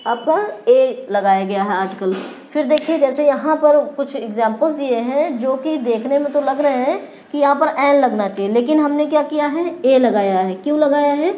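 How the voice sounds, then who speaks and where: A high-pitched woman with an Indian accent gives a grammar lesson, asking her class questions and then answering them herself. Her voice is mellow, and the echoey room carries a faint hum of ambience. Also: moderate pace. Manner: repetitive question-and-answer teaching. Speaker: English teacher.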